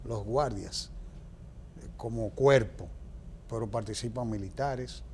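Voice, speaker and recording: The interviewee, a man with a Dominican Spanish accent, speaks slowly in a medium, darkish voice. He delivers strong political opinions with explanation and emphasis, favoring rhetorical questions, while a little hiss or hum sits in the background.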